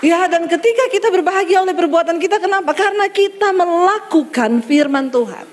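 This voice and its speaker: A woman pastor preaching a sermon in a lively, humorous storytelling manner, calling out to the congregation. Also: very high-pitched, fairly quick, a little hiss or hum.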